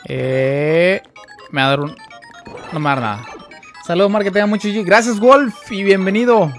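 A young man with a Mexican Spanish accent talks through a live game stream, his voice sitting a touch high. He chats easily, greets his viewers and breaks into excitable exclamations. Game music plays faintly behind him. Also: moderate pace. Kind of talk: live gameplay commentary.

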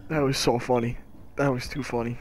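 A man's voice: medium pitch, flat delivery, a little fast, crowd noise. A man chatting casually while he plays a game, laughing hard and swearing a lot into a headset mic. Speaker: gamer streaming his match. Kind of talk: casual gaming chat. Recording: game sounds loud behind the voice.

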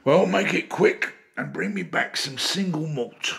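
An actor playing a fat, selfish, sarcastic older police chief inspector in a radio comedy drama. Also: male voice, a little high, big pitch swings, a little slow, fairly bright tone, no room sound, studio quality, heavily acted. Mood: gruff, blunt. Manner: gruff, sarcastic, grumbling.

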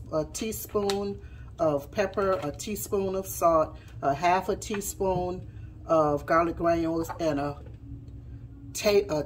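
A woman hosts a casual cooking demonstration from her home kitchen counter. Her voice sits low and she talks at a slow, easy pace, pausing to tidy up and explain as she works. Faint room noise sits under the counter-mounted camera. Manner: chatty, stops to tidy and explain mid-task. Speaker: home cooking channel host. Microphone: camera on the counter, speaker mostly off frame.

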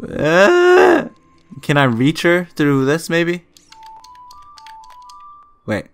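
Excitable man narrating his gameplay. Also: fairly high pitch, takes it slowly, soft background music. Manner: excitable, exclaims and laughs often, curses. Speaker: let's-play gamer. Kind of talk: casual gameplay commentary.

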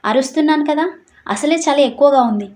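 A woman's voice: sits high, a little fast, a little mellow, voice pushed up, natural voice. A woman doing an innocent young wife. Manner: innocent, pleading.

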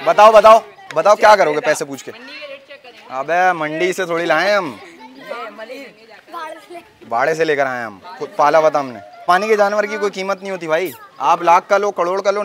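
A young man from Pakistan filming a joking vlog outdoors, excitable and often shouting at the kids around him. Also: high voice. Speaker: vlogger. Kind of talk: casual vlog commentary. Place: outdoors on a busy street.

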